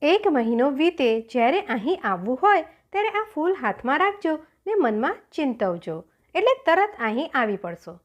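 A storybook lion, fierce to look at but kind at heart, as a woman reads him aloud. He speaks with firm command and a soft warmth, in a fairly high voice with lively swings of pitch. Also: moderate pace, few pauses, lo-fi sound. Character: fearsome but gentle male lion.

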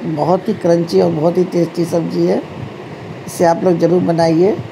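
Chatty woman with a gravelly voice. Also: lowish voice, fairly even intonation, normal speed, background noise. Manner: chatty, addresses viewers as friends, frequent self-corrections. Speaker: cooking channel host. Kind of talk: home cooking tutorial voice-over. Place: home kitchen.

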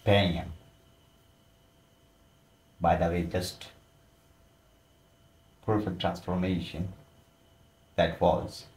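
A man with a very deep voice talks slowly through casual commentary, his loose, informal phrasing peppered with exclamations. The recording carries a roomy echo. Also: little pitch movement, a little mellow.

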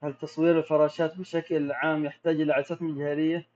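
Gulf-accented man, a bit high-pitched, reads questions aloud and explains calmly; dull, lo-fi recording. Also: rapid-fire. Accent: Gulf Arabic. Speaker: macro photographer answering viewer questions. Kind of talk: casual live Q&A. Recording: dull lo-fi audio.

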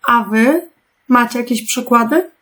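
A woman teacher speaks slowly and carefully to young children, spelling out each instruction. Her voice sits a little high. She keeps turning to her pupils with gentle questions. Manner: slow, patient, clearly articulated instructions. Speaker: primary school teacher. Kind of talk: remote lesson for young children.

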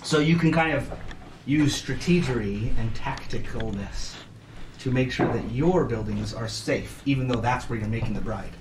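A man's voice: medium pitch, moderate pace. A man explaining the rules of a board game to players at a table in a casual, chatty way, laughing often. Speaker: game teacher. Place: room around a table game. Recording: echoey room from a distance, faint noise.

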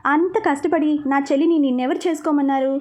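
A woman's voice: high-pitched, steady tone, fast talker, darkish tone, close to an everyday voice. A woman reading the lines of a teasing, affectionate young husband in a story. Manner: playful, teasing.

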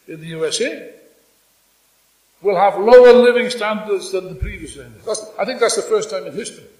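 An older man giving a fiery revolutionary speech at a stand microphone in a hall, speaking emphatically and deliberately with repetition and dramatic pauses. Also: high-pitched, recorded from a distance. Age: 60s or older. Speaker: political speaker at a congress. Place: indoor hall before a seated audience. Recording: echoey hall public-address sound.

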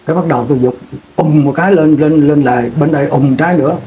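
A man's voice: a little high, quick pace, mellow, lo-fi sound, soft background music. A man, recalling his war years in an interview, rambling and repeating words as he restarts sentences. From Vietnam. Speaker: veteran interviewee. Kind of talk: oral history war recollection.

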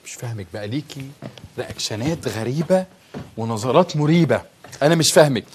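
Ranting Egyptian husband, very animated. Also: male voice, mid-range voice, fast talker, a little hiss or hum. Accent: Egyptian Arabic. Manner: exasperated, teasing husband, lively rants. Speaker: comedy sketch host. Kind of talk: Egyptian comedy sketch acting.

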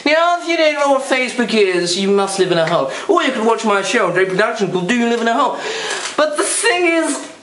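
A male vlogger doing a loud, shouty comic rant to camera, swearing and throwing in silly asides. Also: extremely high pitch, very animated, fast talker, slight background noise. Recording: roomy room with music behind.

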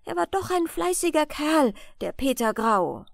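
A woman's voice: sits high, big pitch swings, a little slow, creaky, no echo, voice pushed up, heavily acted. A homesick male donkey from a bedtime storybook, polite and a touch self-pitying, as a woman reads him out. His voice swings freely up and down, close and dry with no room sound. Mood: wistful.

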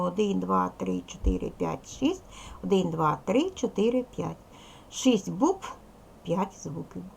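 A woman's voice: medium pitch, creaky, darkish tone, a little hiss or hum. A woman teaching a recorded lesson to young schoolchildren, patient and step by step, counting aloud and speaking to them as little ones. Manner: addresses pupils as little children. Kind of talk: recorded video lesson for second graders.

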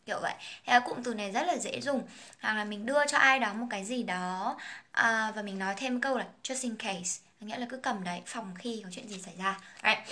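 A woman's voice: fairly high pitch, bright, forceful tone. A young woman whose first language is Vietnamese, teaching an English song, explaining phrases and pronunciation and singing lines in a casual, chatty way.

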